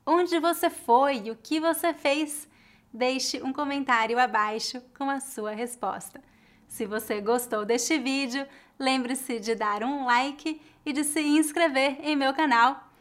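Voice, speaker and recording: A woman from Brazil hosts an online language lesson, her voice sitting a little high. She speaks clearly and deliberately, shaping each word with care for her learners. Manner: clear, carefully articulated teaching delivery. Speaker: language teacher.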